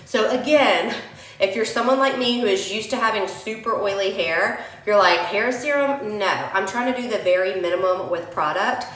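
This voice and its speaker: Sniffling with a cold, a young woman talks her viewers, whom she calls "y'all," through a hair-care tutorial in a chatty beauty-vlog style. Her mid-range, fairly bright voice moves at normal speed in an echoey, roomy home recording.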